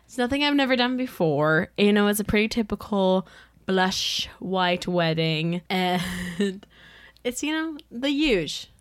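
A woman's voice: mid-range voice, lively intonation, a little slow, no echo, studio quality. A young woman co-hosting a casual podcast chat, giggly and self-deprecating. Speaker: podcast co-host, florist.

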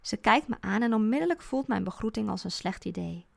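Woman reading a story out loud, dry funny delivery, super creaky fry voice. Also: mid-range voice, expressive, a little fast. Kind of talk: first-person story narration.

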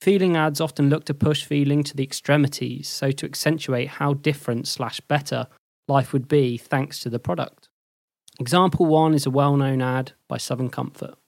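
A man delivers a scripted lesson in a measured, even voice. He sits at a middle pitch, and the sound is dry and close with no room around it. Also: vocal fry, no echo. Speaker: host and lecturer. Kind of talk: scripted explanatory narration.

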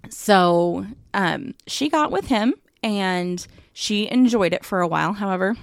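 Gravelly-voiced chatty woman podcaster. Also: medium pitch, expressive, measured pace, no echo, clean studio sound. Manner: chatty, filler-heavy, laughs easily. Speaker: podcast co-host. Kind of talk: casual podcast chat.

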